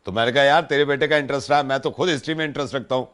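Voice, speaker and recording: A man's voice: mid-range voice, steady tone, rapid-fire, a bit bright, clean tone. A middle-aged man making a prank phone call, posing as a family friend, earnest at first and then teasing, his voice climbing as he gets worked up. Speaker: radio prank caller.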